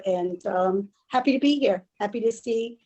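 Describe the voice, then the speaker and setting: A woman's voice: medium pitch, moderate pace, a little mellow. A woman introducing herself on a video call, friendly and a little hesitant. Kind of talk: casual chat.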